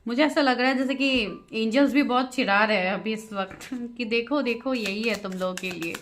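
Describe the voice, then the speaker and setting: A woman's voice: on the high side, brisk, fairly bright tone, slight background noise. A woman giving a tarot reading to her viewers, chatty, often laughing and mixing English phrases into her talk. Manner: giggly, keeps breaking into laughter. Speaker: tarot reader.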